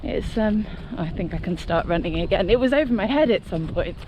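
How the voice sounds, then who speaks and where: A woman's voice: medium pitch, expressive, brisk, background noise. A woman talking casually to camera while exercising on an outdoor run, chatty and self-deprecating. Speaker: running vlogger. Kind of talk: casual vlog talk to camera. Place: outdoors in a park, on the move.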